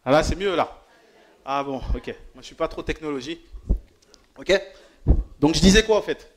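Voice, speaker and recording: A man's voice: on the high side, lively intonation, moderate pace. Man preaching to a church. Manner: joking, teasing, questions the audience. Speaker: lay preacher. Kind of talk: informal sermon to a congregation. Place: church hall.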